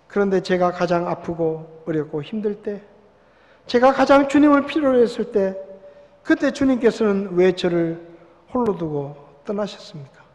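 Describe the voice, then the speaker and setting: A male pastor preaching a sermon. He swells loud and slows down on the scripture, then drops to a hush on key words. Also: sits high, expressive. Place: church sanctuary. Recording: long church hall reverb.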